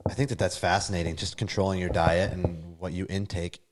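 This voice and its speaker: Guy hosting a podcast, really deep voice, keeps asking follow-ups. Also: flat delivery, fairly quick, background noise. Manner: asks eager follow-up questions. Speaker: podcast host. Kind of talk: casual interview chat.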